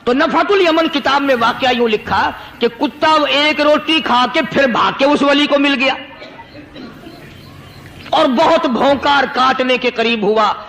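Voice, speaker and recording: A man preaches a storytelling sermon, pitched very high and sharply bright. He repeats his lines and builds them into impassioned emphasis. A faint hiss of noise sits under the recording. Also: gravelly, poor audio. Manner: impassioned, repetitive, rising into dramatic emphasis.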